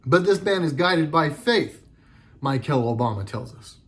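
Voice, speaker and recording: A man's voice: on the high side, expressive, moderate pace, a bit bright. A middle-aged man delivering a sarcastic, heated political commentary monologue with lots of emphasis.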